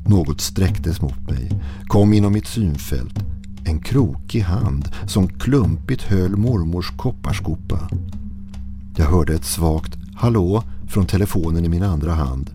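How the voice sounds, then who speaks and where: A man narrating a listener's horror story in a slow, hushed, brooding manner. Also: low-pitched, lively intonation, music in the background.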